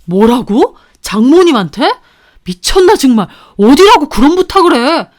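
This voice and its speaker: A woman reading a story voices an angry young husband scolding his older sister over the phone, shouting indignantly. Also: high-pitched, big pitch swings, moderate pace.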